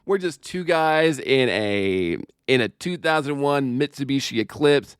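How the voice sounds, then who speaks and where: A man's voice: medium pitch, animated, a little slow, smooth, no room sound, clean studio sound. A male comedian chatting casually as a podcast guest, joking and laughing often.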